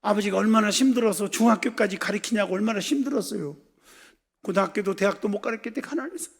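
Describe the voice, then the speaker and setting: A man's voice: high-pitched, fast, gravelly, husky, full character voice. A male preacher voicing a poor young woman earnestly thanking her father, heard with long church hall reverb. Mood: grateful.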